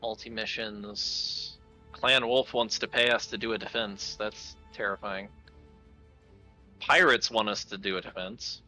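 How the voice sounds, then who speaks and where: A man streaming a game with friends, talking in an animated, playfully melodramatic way. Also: fairly low pitch, measured pace, soft background music. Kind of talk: casual gaming chat.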